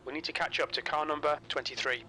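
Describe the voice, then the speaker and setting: A man voicing a calm race spotter and crew chief who gives terse pit radio calls in clipped, flat phrases. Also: on the high side, fast, low-quality recording. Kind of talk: prerecorded game announcements. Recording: loud race engine noise. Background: racing car engines.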